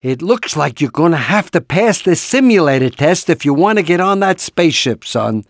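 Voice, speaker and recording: A man voices a portly, middle-aged rooster father in a cartoon video game, anxious yet encouraging, hesitant and rambling in a fatherly way, with a reassuring mood. His voice is a little high with lively intonation at a moderate pace, recorded clean in a studio with no room sound.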